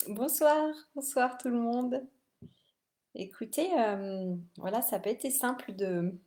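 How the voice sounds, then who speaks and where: A woman hosting a casual live stream, speaking in a halting, thoughtful way with frequent pauses. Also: medium pitch, dark tone.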